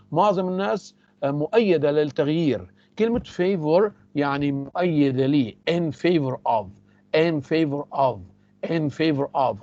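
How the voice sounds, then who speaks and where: A man with an Egyptian Arabic accent teaching English, explaining phrases in Arabic and repeating the English examples slowly and carefully. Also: on the high side, a little mellow, lo-fi sound. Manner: repeats key words for emphasis.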